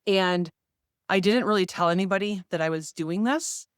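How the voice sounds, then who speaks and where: Speaking at a normal speed in a fairly low, clean voice, a woman in her 40s who makes fitness videos tells viewers directly, casually and earnestly, about her year of fitness. The audio is studio quality with no room sound.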